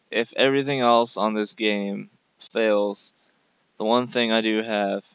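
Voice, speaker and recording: A man's voice: fairly low pitch, gravelly, clear, resonant tone, no room sound. A young man in an informal, exasperated rant, complaining emphatically on a dull, lo-fi recording. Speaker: gaming video creator. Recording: dull lo-fi dry microphone.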